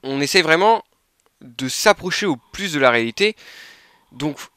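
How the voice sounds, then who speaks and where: A man with a bright, crisp voice reviews a replica in a relaxed, chatty way. He hesitates often, restarting phrases and filling pauses. The sound is close and dry, with no room around it. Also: on the high side, dry recording. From France. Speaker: airsoft reviewer. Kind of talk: casual product review talk.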